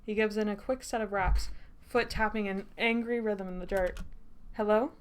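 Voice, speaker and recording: A woman streamer narrating a story game aloud in a steady storytelling voice. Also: mid-range voice, normal speed, clear, resonant tone.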